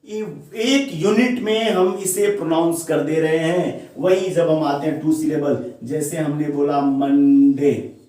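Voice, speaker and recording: Hindi-speaking teacher in an echoey room. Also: male voice, on the high side, a little mellow. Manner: questions the viewer often and answers himself, repeats key words. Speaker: English teacher. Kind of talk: classroom-style grammar lesson. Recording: very echoey room, voice far from the mic.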